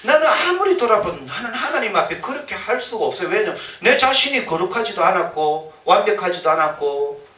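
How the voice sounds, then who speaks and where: Animated Korean pastor preaching in an echoey church. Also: male voice, high voice, fairly quick. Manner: animated, acts out quoted complaints. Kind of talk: sermon. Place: church sanctuary. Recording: roomy church sound from a distant mic, faint ambience.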